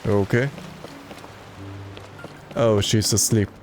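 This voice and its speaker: A man's voice: on the low side, level tone, drawn-out words, a little mellow, faint music behind. A man streaming a video game and reading its dialogue aloud in a plain way, with occasional stumbles.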